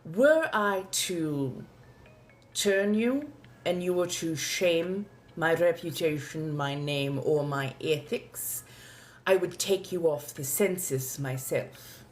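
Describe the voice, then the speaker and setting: A woman playing an ancient, genteel female vampire with a posh colonial accent, speaking formally and courteously as she chats live in character. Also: lowish voice. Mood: genteel, stern. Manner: refined, formal, old-fashioned wording, drawn-out deliberate phrasing. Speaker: livestream host answering viewer questions. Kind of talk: in-character live question-and-answer chat.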